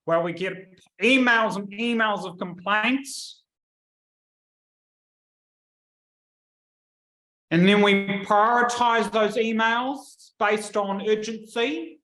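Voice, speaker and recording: A man voicing a bored female office worker who talks in a flat, droning monotone. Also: mid-range voice, pitched above the performer's own voice. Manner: flat, droning, slow delivery. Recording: roomy echo.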